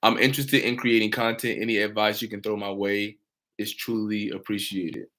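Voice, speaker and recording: A young insurance broker hosts a casual livestream Q&A about his work, reading out viewer comments and answering them in an upbeat, encouraging way. His voice is lowish and a bit bright, with fairly even intonation and a moderate pace. There's a little hiss or hum in the recording.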